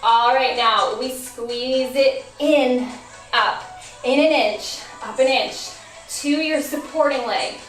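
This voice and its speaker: A woman with a high voice and an unhurried pace cues a barre class, counting reps and urging listeners on. Her voice sounds a little worn. She is heard from off the mic in a roomy space, with faint music behind. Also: recorded from a distance. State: losing her voice. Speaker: barre instructor. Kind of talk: workout class cueing.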